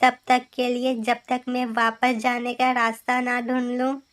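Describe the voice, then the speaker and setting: A woman's voice: completely flat delivery, unhurried, natural voice. A woman voicing a timid fallen star child. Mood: pleading. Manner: higher put-on voice, wondering. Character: lost young star fallen from the sky, timid. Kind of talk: children's cartoon voice acting.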